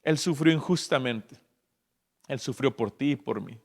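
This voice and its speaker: A man preaching a sermon as pastor, impassioned and rising to loud, emphatic peaks. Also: mid-range voice, unhurried. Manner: acts out everyday people's voices in asides.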